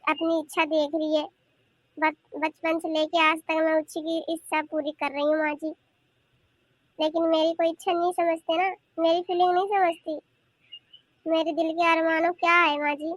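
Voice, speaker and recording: A woman's voice: very high voice, flat delivery, moderate pace, no echo. A woman voicing a weary mother in a cartoon, complaining plaintively that nobody understands her wishes. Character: weary mother longing to visit her parents. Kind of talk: cartoon voice acting.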